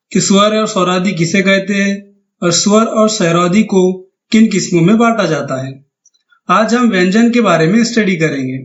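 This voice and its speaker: A man with a high voice gives a patient grammar lecture over slides, going through each term slowly and restating it in other words. The recording is echoey and a bit dull, as if made in a bare room on a cheap mic. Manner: patient, methodical, repeats each term with synonyms. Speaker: teacher.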